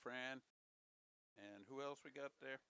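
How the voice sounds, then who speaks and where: A man's voice: medium pitch, measured pace, pushed and bright, smooth. A man giving casual, chatty live curling commentary, with folksy jokes and repeated calls.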